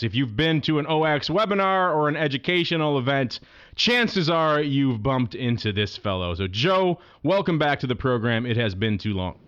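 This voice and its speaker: A man's voice: medium pitch, fairly bright tone, clear, resonant tone, lo-fi sound. A man hosting a show in a casual radio style with playful, announcer-like patter. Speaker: podcast host.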